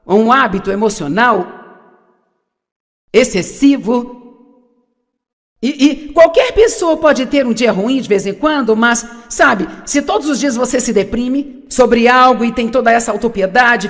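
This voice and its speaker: A woman's voice: a little high, in a large hall. A woman preaching a sermon, asking the audience questions and repeating her key points.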